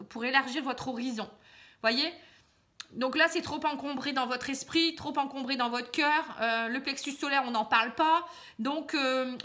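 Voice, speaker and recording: A woman doing a casual card reading, chatty and gently advising the viewer, with many filler words. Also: high voice. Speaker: card reader. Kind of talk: casual tarot reading to camera.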